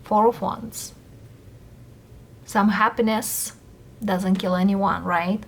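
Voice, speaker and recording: Non-native english woman doing a tarot reading, really slow, lots of pauses between little phrases. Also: medium pitch, steady tone. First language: not English. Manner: halting, pausing between short phrases. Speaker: tarot reader host. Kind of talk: casual tarot card reading.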